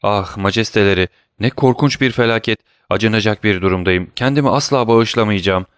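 A man's voice: on the low side, brisk, clear, resonant tone, no echo, close to an everyday voice. A frightened minister pleads and mumbles before his king, as a man reads him out. His voice is raised and strained above the reader's own. The sound is dry. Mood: fearful, pleading. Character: frightened male government minister, groveling.

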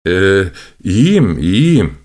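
A man's voice: sits low, very animated, darkish tone, pitched below the performer's own voice, heavily acted. A man voicing an absent-minded, hesitant male inventor answering the phone in an audiobook story. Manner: hesitant, halting, flustered.

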